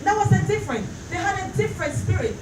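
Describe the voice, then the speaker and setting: A woman's voice: very high voice, big pitch swings, fast. A woman pastor delivering a fervent church sermon, using emphatic repetition and rhetorical questions to the congregation. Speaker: pastor preaching. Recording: roomy, distant mic, clearly noisy.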